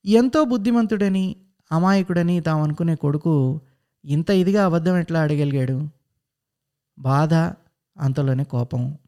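A man narrating a short story aloud in a calm, even manner. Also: on the high side, measured pace, long pauses.

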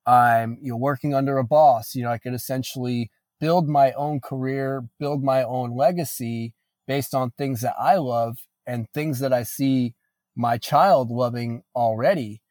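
Man, late twenties, interview guest, earnest, reflective, lots of fillers, mid pitch, dry close sound. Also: fairly even intonation, measured pace, a little mellow, dry recording. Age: late 20s. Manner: earnest, reflective, frequent "you know" fillers. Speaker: guest musician. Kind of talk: casual interview.

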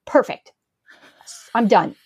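A middle-aged woman chatting as a podcast guest, telling animated stories and acting out quotes. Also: takes it slowly, no room sound. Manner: animated storyteller, acts out quotes. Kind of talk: casual chat.

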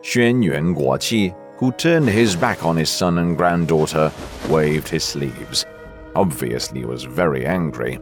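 Slow deep-voiced male storyteller. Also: soft background music. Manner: slow, expressive reading. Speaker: narrator. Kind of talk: storytelling narration.

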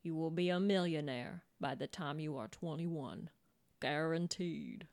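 Woman doing a mock foreign accent, low pitch, slow deadpan commands, clipped words. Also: vocal fry. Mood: deadpan commanding. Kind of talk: comic podcast read-aloud.

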